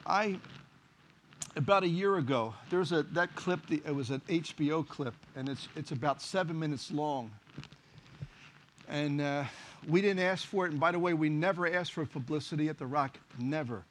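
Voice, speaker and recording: High-voiced pastor telling stories. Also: male voice, moderate pace, slight background noise. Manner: animated, acts out dialogue in stories. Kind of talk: sermon with storytelling.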